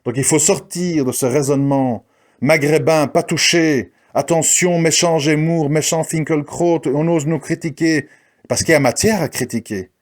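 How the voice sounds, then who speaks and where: With a slightly high voice at normal speed, a male commentator delivers an aggressive, ranting monologue, challenging his audience and making fun of the people he criticizes.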